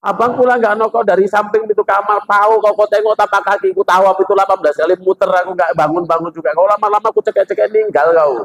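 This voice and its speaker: A man voicing a sharp-tongued, scolding middle-aged wife who nags quickly, in a dull lo-fi recording. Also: fairly high pitch, vocal fry. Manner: nagging, rapid scolding. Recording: dull lo-fi sound.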